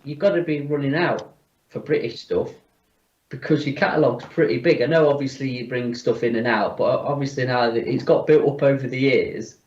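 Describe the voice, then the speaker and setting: This man, nose stuffed up, talks a bit quickly in a mid-range, somewhat dark voice, offering opinions and many fillers in a chatty video call. The computer mic picks him up from afar in an echoey room, giving a dull, distant sound.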